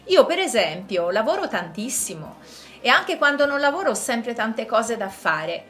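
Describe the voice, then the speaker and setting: A woman's voice: on the high side, sing-song, moderate pace, a bit bright, soft background music. Woman in a scripted lesson dialogue. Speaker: dialogue partner in a language lesson.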